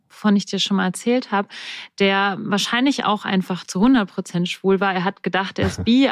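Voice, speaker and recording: A woman's voice: mid-range voice, dry recording, clean studio sound. A young woman chatting casually and candidly as she asks questions in a conversation. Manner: candid, informal. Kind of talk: casual chat.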